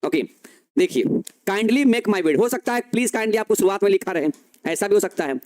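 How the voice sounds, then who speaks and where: High-voiced man teaching grammar. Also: animated, darkish tone. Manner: explains slowly, repeats key phrases, asks and answers own questions. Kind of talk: classroom grammar lesson.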